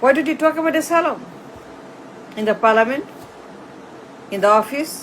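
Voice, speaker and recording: A woman's voice: high-pitched, expressive, extremely slow, a bit bright, a little hiss or hum, low-quality recording. A woman, giving a political commentary as a rant to camera, firing off repeated rhetorical questions in an accusatory, scornful way. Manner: emphatic, repetitive rhetorical questioning.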